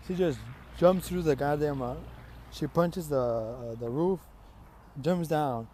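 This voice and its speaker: Rambling mellow-voiced male storyteller. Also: a little high, slow pace, slight background noise. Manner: rambling, profane, filler-heavy. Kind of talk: casual improvised fan-fiction retelling.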